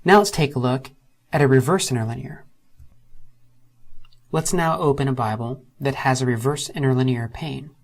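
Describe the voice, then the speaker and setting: A man of medium pitch gives scripted narration over a screen-recorded software tutorial, working through each step steadily and in sequence. He slows right down any time he spells out a term or letters.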